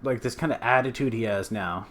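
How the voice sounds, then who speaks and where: A man's voice: medium pitch, brisk, fairly bright tone. A man hosting a casual news commentary show, talking in a loose, rambling way with frequent restarts. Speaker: show host.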